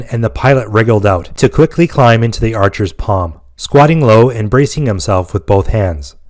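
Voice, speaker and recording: A man telling a science fiction war story in steady, even scripted narration. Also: medium pitch.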